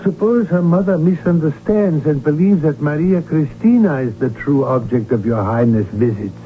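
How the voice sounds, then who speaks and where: In a radio drama, a male actor plays a wary royal physician and confidant, speaking in a formal, precise way with a note of caution and concern. His voice is fairly high and animated, at a normal speed and close to everyday speech. The recording sounds like a dull vintage radio broadcast with faint music underneath.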